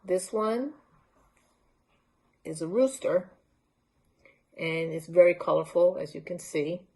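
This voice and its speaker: Woman, low voice, gravelly fry, casual show-and-tell, unscripted presenter. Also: takes it slowly, warm tone. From Honduras. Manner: unscripted, holding up objects to the camera. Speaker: library art talk presenter.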